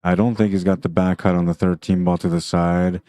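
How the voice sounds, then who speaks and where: Male livestream pool commentator: low, even delivery, talks through shots casually. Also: fairly quick. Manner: chatty, thinks aloud about shots.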